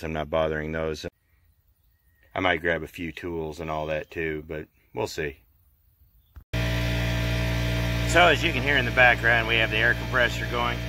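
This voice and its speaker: A man's voice: deep voice, pushed and bright, no echo. A man in his forties talking plainly with lots of fillers, filming himself at arm's length in his car and outdoors in a driveway as he works on the car. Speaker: vlogger doing car maintenance. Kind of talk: casual how-to vlog. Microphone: handheld camera at arm's length.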